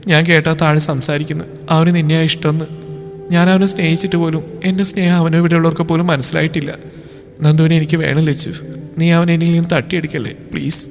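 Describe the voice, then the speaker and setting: A man's voice: on the high side, little pitch movement, fast talker, vocal fry. A man voicing a heartbroken young woman who sobs and begs, in a storybook reading. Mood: pleading, tearful. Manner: sobbing, begging.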